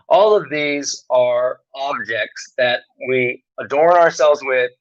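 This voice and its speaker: Male lecturer, measured and unhurried, lots of "um" and pauses; muffled low-fi sound. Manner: slow, pausing delivery with many fillers. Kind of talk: recorded lecture.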